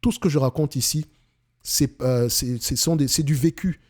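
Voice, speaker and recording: A man with a Cameroonian French accent hosts an investing channel, speaking at medium pitch and a moderate pace in a slightly mellow voice. His casual monologue is emphatic, and he often restarts and repeats himself.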